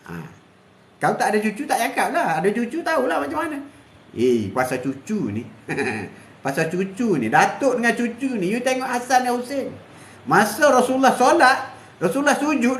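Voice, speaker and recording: An older man hosts a live moral talk, repeating his lessons and chuckling as he goes. His voice sits high and rises and falls widely. The sound is roomy and echoey. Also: a bit bright. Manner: preachy and repetitive, chuckling often. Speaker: host. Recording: echoey room.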